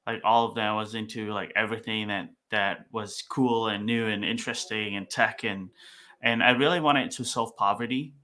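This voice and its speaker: A young Vietnamese startup founder talks casually as a podcast guest, with many fillers and restarts. His voice sits on the low side, fairly even in intonation, at a moderate pace with a bright, forceful tone.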